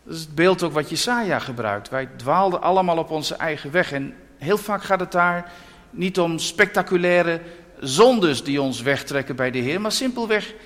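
A man preaching a sermon to a congregation, earnest and measured, reading from scripture and telling stories. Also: a little high, big-room sound. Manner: earnest, measured preaching with Bible readings, warming to animated storytelling. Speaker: pastor.

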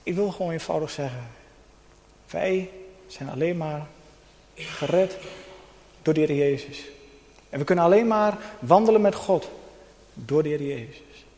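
A man preaching a sermon with personal testimony, earnest, with pauses and soft emphasis. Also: a little high. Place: church hall. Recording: long hall reverb.

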